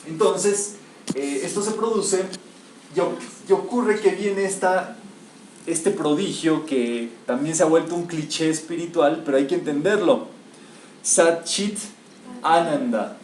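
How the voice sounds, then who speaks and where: In an echoey room full of listeners, a metaphysics teacher lectures on spiritual matters, emphatic and firing rhetorical questions at the group. His fairly high voice is a little slow with a darkish tone, picked up by a far-off mic with a faint hiss.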